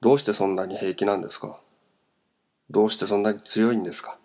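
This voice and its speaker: A man's voice: fairly low pitch, steady tone, quick pace, dark tone, lightly acted. A man reading a novel aloud, voicing a tearful young man who bitterly lashes out. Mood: pained. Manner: bitter, pained. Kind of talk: audiobook character voice.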